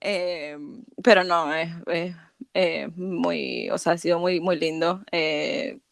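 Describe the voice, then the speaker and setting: A woman from Venezuela with a Latin American accent, a guest on a podcast interview, speaking warmly and hesitantly with many fillers. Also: lowish voice, steady tone, takes it slowly, vocal fry, no room sound, clean studio sound. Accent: Latin American Spanish. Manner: warm, hesitant, many fillers and soft laughs. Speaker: podcast guest, chemical engineer. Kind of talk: casual interview chat.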